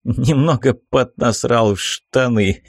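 A man's voice: mid-range voice, takes it slowly, breathy edge, dry recording, clean studio sound. A man voicing a smug, sardonic young male mage in an audiobook.

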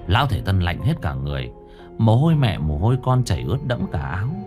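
A man narrating a ghost story in a lowish voice that swoops with lively, dramatic intonation. He reads with suspense, and faint music plays underneath. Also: quick pace.

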